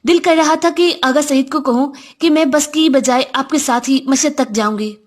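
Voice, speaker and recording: A woman reading a first-person story aloud in a reflective, confiding manner. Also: high voice.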